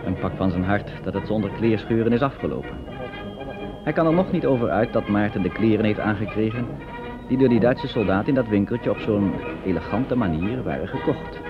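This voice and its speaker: Male narrator, calm and measured, low voice; dull old recording with music under it. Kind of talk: scripted narration.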